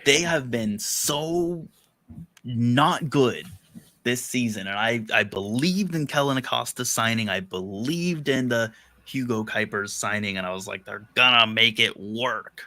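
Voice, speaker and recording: A man's voice: medium pitch, animated, measured pace, fairly bright tone. A man co-hosting a sports podcast in casual chat, playful and teasing with his co-host.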